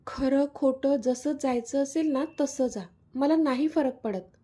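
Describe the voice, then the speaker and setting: A woman's voice: high voice, normal speed, mellow. A woman voicing a pouting, tearful young woman in a storybook love story. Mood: sulky. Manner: pouting, pleading.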